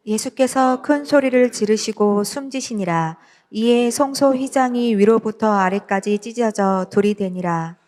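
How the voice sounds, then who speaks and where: A woman's voice: fairly high pitch, unhurried, darkish tone. A woman in the congregation reading scripture aloud in unison.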